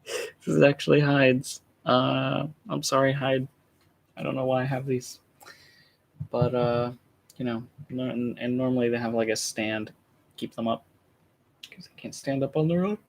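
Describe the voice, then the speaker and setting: A man's voice: mid-range voice, steady tone, moderate pace, vocal fry, pauses often. A young man chatting casually while unboxing at home, laid-back and rambling with lots of fillers, keeping his voice down. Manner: keeps his voice down. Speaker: vlogger. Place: room at home with shelves.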